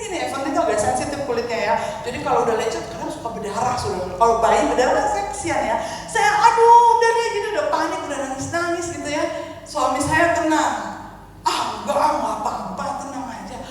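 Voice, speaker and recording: Middle-aged woman preacher, high voice, animated storytelling sermon, recorded from afar in a very echoey church hall. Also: a little hiss or hum. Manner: animated storytelling, acts out quoted voices, laughs often. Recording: very echoey hall, from far off, faint ambience.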